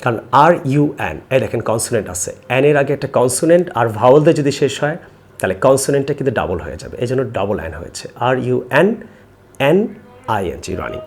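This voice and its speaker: A man's voice: mid-range voice, darkish tone. A man teaching a spoken English lesson who spells words out letter by letter and asks and answers his own questions.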